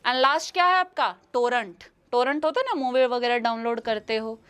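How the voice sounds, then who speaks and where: A woman's voice: on the high side, animated, normal speed, fairly bright tone, clear, resonant tone. A young woman with an Indian accent giving a live English exam-prep lesson, repeating each question and answer and calling her students "beta". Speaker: English teacher.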